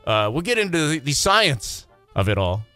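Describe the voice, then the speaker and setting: A man co-hosting a radio morning show, chatting casually in a quick, joking, self-deprecating way. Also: fairly high pitch, very animated, bright, forceful tone, clean tone, soft background music.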